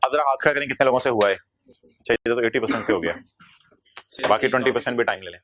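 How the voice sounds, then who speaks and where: A male accounting lecturer, teaching a class by firing quick questions at the students and answering them himself. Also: medium pitch, noisy background.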